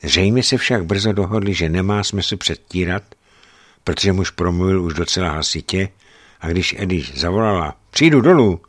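A man narrating a literary audiobook in a measured, grave manner. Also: low-pitched. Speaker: audiobook reader.

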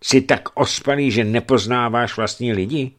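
A man's voice: mid-range voice, steady tone, a bit bright, voice pushed up, natural voice. A man voicing a tall, red-bearded male merchant who jokes and bullies his way past a guard. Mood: bantering. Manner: joking, brash.

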